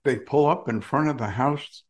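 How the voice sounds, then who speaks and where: A man, a guest author, telling a story in a lively, emphatic way with blunt, salty asides. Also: mid-range voice, moderate pace. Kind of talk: conversational storytelling.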